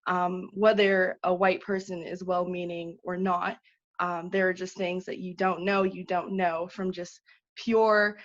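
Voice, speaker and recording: A woman giving an earnest, urgent personal speech as an awardee, pausing often on "um". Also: on the low side, little pitch movement. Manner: earnest, urgent, many 'um' fillers. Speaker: awardee speaking at a virtual ceremony. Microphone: video call. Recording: dull lo-fi video call audio.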